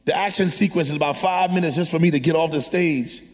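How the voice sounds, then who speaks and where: A man's voice: on the high side, fast. A man preaching to a congregation in a conversational, exhorting way, often prompting listeners with questions. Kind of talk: energetic sermon to a congregation. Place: large hall, preaching to a live congregation. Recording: long hall reverb.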